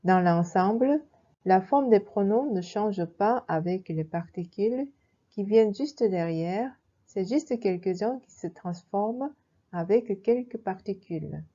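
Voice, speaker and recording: Woman slowly walking thru a grammar lesson, mellow voice, kinda lo-fi sound. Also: mid-range voice, expressive. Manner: slow, careful explanation with spelled-out examples. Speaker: language teacher. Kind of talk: scripted lesson narration.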